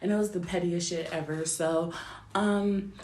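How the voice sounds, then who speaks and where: A woman's voice: lowish voice, fairly even intonation, normal speed, a little mellow, a little hiss or hum. A woman in her twenties telling a story to her viewers as a vlogger, blunt and emphatic, swearing freely and often asking whether they follow her. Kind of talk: casual storytelling rant to camera. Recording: roomy echo.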